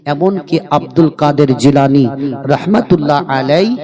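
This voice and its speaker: High-pitched chanting preacher before a crowd. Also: male voice, a little slow. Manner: chanting, sing-song waz delivery that swells into high cries; urges the crowd to respond. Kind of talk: sermon.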